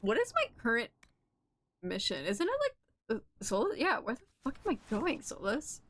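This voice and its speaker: A young woman streaming a game, chatting casually, giggling, swearing a lot and getting excitable. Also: on the high side, normal speed. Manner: giggly, excitable and profane, with frequent filler words. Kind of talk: casual gameplay commentary.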